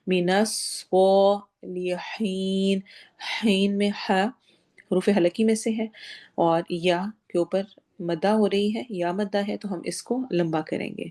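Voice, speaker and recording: Woman, Quran recitation teacher, patient, step-by-step explanations, stretched-out demonstrations, mellow dark tone. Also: lowish voice.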